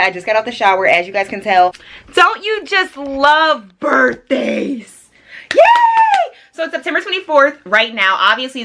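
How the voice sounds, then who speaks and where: Young woman, twenty-one, chatty and excitable, slangy casual vlog talk, bright forceful voice, fairly high pitch. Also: slight background noise. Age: young adult. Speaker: beauty vlogger. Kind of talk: casual get-ready-with-me chat. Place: home studio room.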